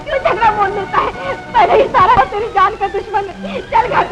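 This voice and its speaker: A woman's voice: very high voice, normal speed, poor audio. A worried village mother. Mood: anxious. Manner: anxious, imploring. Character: worried village mother, protective of her son. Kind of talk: 1950s film acting. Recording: old film soundtrack with crowd. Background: film score and crowd.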